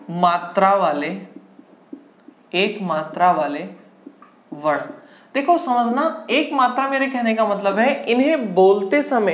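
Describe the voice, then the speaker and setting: Woman, exam-prep teacher, question-and-answer drilling, medium pitch, echoey room. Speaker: Hindi teacher.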